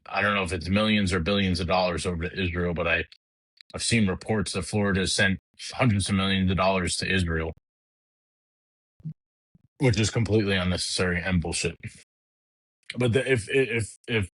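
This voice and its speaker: A middle-aged man with a very low, deep voice rants on his podcast. He talks bluntly and heatedly, swears freely and often restarts his sentences. The sound is dry and close, with almost no room around it. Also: normal speed, long pauses, a bit bright, no echo, poor audio. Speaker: podcast host. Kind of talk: casual political rant.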